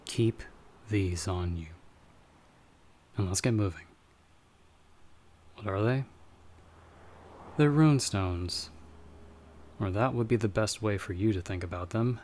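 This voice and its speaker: Playing a calm and guarded magical investigator in an ASMR audio piece, a man explains things patiently and deliberately, with pauses. His voice is on the low side, and there's a little background noise.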